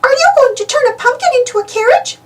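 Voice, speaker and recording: A woman voicing a sweet, perky girlish cartoon mouse in a storybook, squeaky and exclaiming. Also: lively intonation, fast talker, a little hiss or hum. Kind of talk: storybook character voice. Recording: distant mic, music behind.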